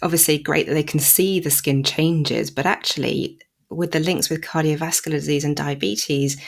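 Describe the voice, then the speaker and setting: Woman co-host, low pitch, chatty and encouraging. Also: fairly even intonation, moderate pace, gravelly. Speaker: podcast co-host. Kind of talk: podcast interview.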